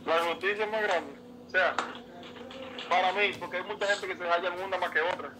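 A man's voice: sits high, fairly even intonation, a little fast, noisy background. A man talking as a baseball player guest in a casual interview, earnest and emotional, often repeating himself. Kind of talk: casual interview, heartfelt storytelling.

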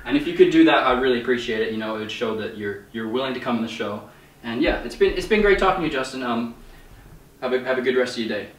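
A man's voice: mid-range voice, expressive, fast talker, reverberant, far from the mic, rough recording. A man posing as a TV producer on a prank call, hesitant and stammering in a put-on producer voice.

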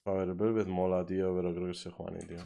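A man's voice: low-pitched, flat delivery, fast talker, vocal fry, background noise. A young man with a Spain Spanish accent giving live commentary while he streams a game, swearing, grumbling and pleading over and over.

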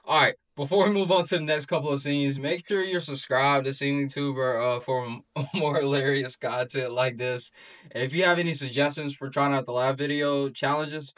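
A man's voice: fairly high pitch, steady tone, brisk, hardly any pauses, a bit bright, far from the mic. Chatty man hosting a reaction video. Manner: loose and chatty, slangy, repeats himself. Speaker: YouTube reaction host. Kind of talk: casual reaction commentary.

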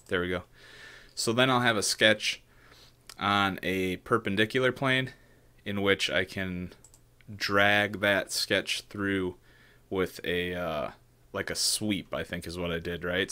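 A man in his thirties talks through a modeling project from a small room at home, loose and unscripted, often restarting and checking in with "right?". His voice sits low yet sounds forward and crisp. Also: sharp tone. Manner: loose, thinking aloud with frequent "right?" and restarts. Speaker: maker demonstrating 3D modeling. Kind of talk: casual screen-share tutorial.

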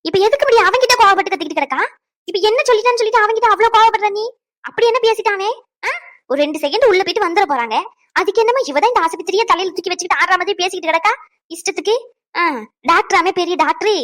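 A woman playing a bickering cartoon mother, rapid-fire, close dry sound. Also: extremely high pitch, a bit bright, dry recording. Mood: indignant. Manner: scolding, nagging, rapid-fire. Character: sharp-tongued middle-aged mother, quick to bicker. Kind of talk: cartoon dubbing.

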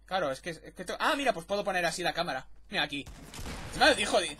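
A man with a Spain Spanish accent commentating a game replay, chatty and excitable, swearing freely. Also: high-pitched, quick pace, a little hiss or hum. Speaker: gameplay commentator. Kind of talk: replay commentary over gameplay.

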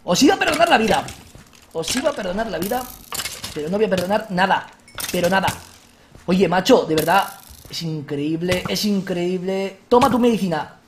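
A man with a Spain Spanish accent hosting a let's-play, excitable, shouting at enemies and joking with viewers. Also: sits high, moderate pace, noisy background. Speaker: gaming video host.

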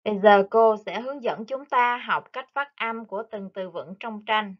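A woman teaching English to young children, speaking slowly and carefully and repeating each word for them to copy. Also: mid-range voice, muffled recording. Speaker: primary school English teacher. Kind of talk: online lesson for young children.

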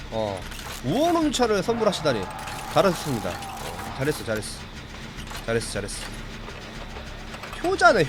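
A chatty man talks with his stream viewers while he plays, answering chat and reacting to the game. His pitch sits a little high and swings widely. A faint noise runs under the recording. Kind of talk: casual live-stream chat while playing.

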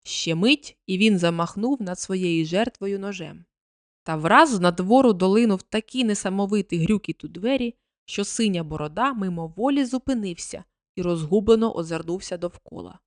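A woman narrating a fairy tale for an audiobook in a measured, expressive reading. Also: medium pitch, no echo, clean studio sound.

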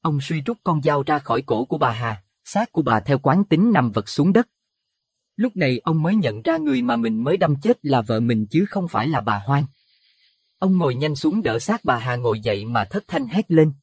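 A man narrating a Buddhist horror audio story in an expressive, dramatic way. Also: fairly high pitch, moderate pace, husky, no echo, studio quality. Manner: expressive, rising to alarm at scary moments.

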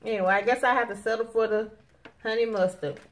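A woman's voice: a little high, fairly even intonation, fast talker. A woman in her thirties hosting a casual mukbang, chatting and complaining to viewers at a table at home. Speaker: mukbang host. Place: dining table in a home living room. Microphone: camera across the table. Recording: noisy home room recording.

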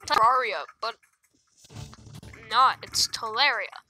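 Sharp-voiced woman griping through gameplay. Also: a little high, slow, faint music behind, poor audio. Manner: sarcastic, complaining, swears freely. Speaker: gaming video creator. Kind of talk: gameplay commentary.

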